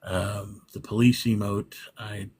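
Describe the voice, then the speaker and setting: Low-voiced man in a rambling chat. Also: steady tone, slow, darkish tone, breathy edge. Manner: rambling explanations, frequent restarts. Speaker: livestream room owner, guest. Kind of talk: casual interview chat.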